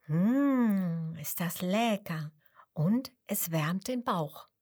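A woman voicing a kind, sleepy old grandmother fox, speaking softly and gently. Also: lowish voice, expressive, extremely slow, heavily acted. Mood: gentle.

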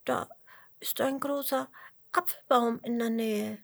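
A woman's voice: fairly even intonation, slow pace, gravelly, full character voice. A woman voicing a small male earthworm who is lost and tearful, in a children's story. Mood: thoughtful. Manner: high squeaky voice. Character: small sobbing earthworm boy, shy then overjoyed.

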